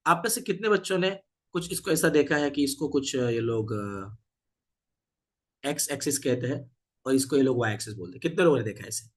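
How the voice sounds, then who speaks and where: A man's voice: mid-range voice, expressive, a little fast. A man teaching a physics class, often stopping to ask his students questions. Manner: switches between Hindi, English and Marathi, asks the class questions.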